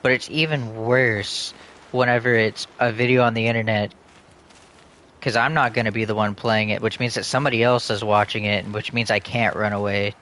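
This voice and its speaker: A man's voice: lowish voice, steady tone, normal speed, a bit bright. A man streaming a video game, chatting casually in a rambling, profane, joking way. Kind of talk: casual chat while gaming.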